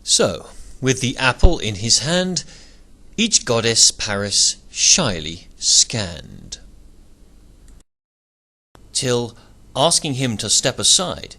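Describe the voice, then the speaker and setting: Lively man reading rhyming verse. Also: mid-range voice. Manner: measured, expressive verse reading. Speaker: narrator. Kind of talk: rhyming storybook narration.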